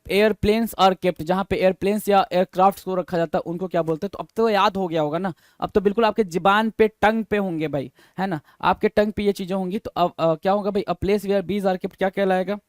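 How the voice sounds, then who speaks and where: A man teaching English vocabulary for exam prep. He reads each definition slowly in English, explains it in Hindi, quizzes the listener with repeated questions and spells the answers letter by letter. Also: sits high, no echo.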